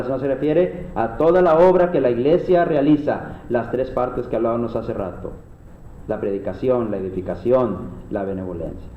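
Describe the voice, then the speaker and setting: A man with a Mexican Spanish accent, preaching earnestly to a church class and often calling his listeners brothers. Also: mid-range voice. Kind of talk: sermon-style Bible class. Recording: echoey room, dull lo-fi sound.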